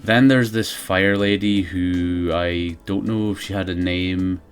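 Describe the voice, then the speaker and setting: A man's voice: low-pitched, steady tone, takes it slowly, faint music behind. A man giving casual, sardonic, sweary comedic commentary as a video game reviewer.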